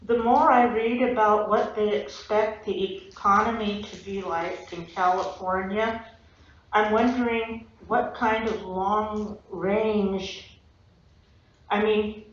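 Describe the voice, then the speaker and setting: A woman asking questions during public comment at a school board meeting, deliberate and a little wry. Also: medium pitch. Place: echoey public meeting room. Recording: echoey, dull meeting-room audio with faint room noise.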